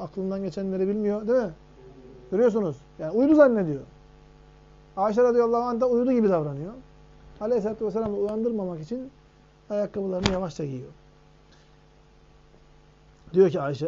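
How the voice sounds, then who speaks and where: A high, quick-speaking man leads a religious lesson, rattling off Arabic lines and then explaining them with questions to his listeners. His voice is mellow and dark in tone. The recording is dull and lo-fi. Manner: reads Arabic text fast, then explains it in Turkish with questions to the audience. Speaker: hadith teacher. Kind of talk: lecture on hadith.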